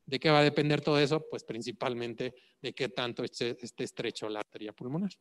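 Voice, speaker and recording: A man's voice: mid-range voice, steady tone, a little fast, in a large hall. A man lecturing on clinical cases, asking rhetorical questions and checking in with "ok?". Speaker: medical exam prep lecturer.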